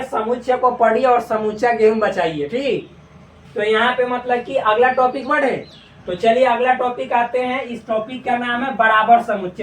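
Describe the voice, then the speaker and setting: A man's voice: very high-pitched, fairly bright tone, recorded from a distance. Male maths teacher, chatty and jokey, drags out key words, heard from across a roomy class. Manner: joking, colloquial, drawn-out repetitions. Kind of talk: casual classroom lecture. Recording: echoey room, voice from afar.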